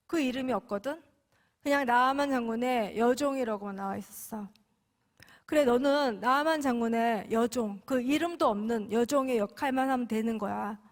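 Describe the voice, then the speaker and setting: A woman voicing God speaking to her gently and patiently, as a kind father, during a testimony sermon. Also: high-pitched.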